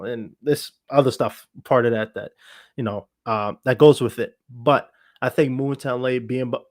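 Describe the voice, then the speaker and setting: An actor and entertainer joins a livestream podcast by online video call, telling his own story in a candid, casual conversation. His medium-pitched voice sounds self-assured and reflective as he wanders a little. The audio is dry, with little room echo.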